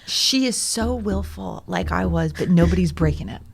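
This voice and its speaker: A woman's voice: lowish voice, expressive, moderate pace, vocal fry, husky. A woman in her forties talking frankly as a podcast guest, laughing often and swearing freely. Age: 40s. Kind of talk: candid casual conversation.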